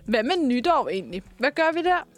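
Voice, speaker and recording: A woman's voice: sits high, sing-song, soft background music. A young woman hosting a casual radio show, bantering and giggling with her co-host, swearing now and then. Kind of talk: casual chat.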